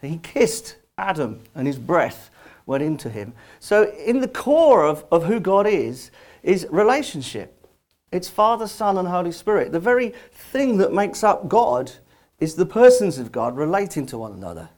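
A man's voice: high-pitched, sing-song, moderate pace, a little mellow. A man with a London Estuary English accent preaching a conversational sermon in an informal, chatty way. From London, England. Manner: informal, chatty, lightly joking. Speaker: visiting preacher.

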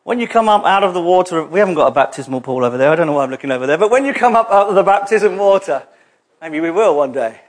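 Chatty high-voiced preacher. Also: male voice, lively intonation, fast talker. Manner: conversational, jokey preaching with asides. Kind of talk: sermon. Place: church hall.

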